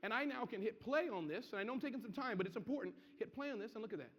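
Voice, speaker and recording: A man giving an interactive business seminar to a live audience, energetic and constantly checking that people follow him. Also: high voice, racing. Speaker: seminar presenter. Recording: muffled, echoey hall.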